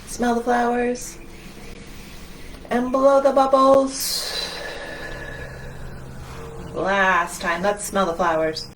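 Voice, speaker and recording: Speaking very slowly with long pauses in a voice on the high side, a woman children's librarian leads young children through a storytime of movement and reading aloud. She sounds encouraging and singsong, but the audio is poor with slight background noise.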